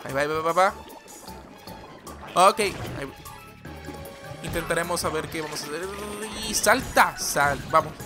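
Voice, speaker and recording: A man giving excitable, rambling let's-play commentary as a gaming channel host, yelling at the game as he plays. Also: on the high side, normal speed, pauses often. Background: game music.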